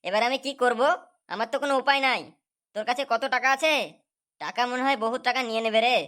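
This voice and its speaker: A woman's voice: a little high, fast talker, a bit bright, close to an everyday voice. A woman voicing an anxious young man, a farmer's son, in a cartoon. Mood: worried. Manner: anxious and complaining.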